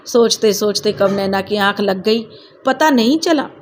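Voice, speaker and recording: A woman's voice: medium pitch, animated, a little slow, slight background noise. A woman narrating a sad family story in an emotive, dramatic way.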